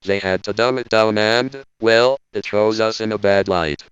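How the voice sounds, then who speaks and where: A man doing a deadpan, indignant robot spokesman. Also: fairly low pitch, a little slow, smooth, lo-fi sound, natural voice. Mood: stern. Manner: stiff, deadpan lecture. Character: indignant male robot spokesman, cold and logical. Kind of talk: scripted parody monologue.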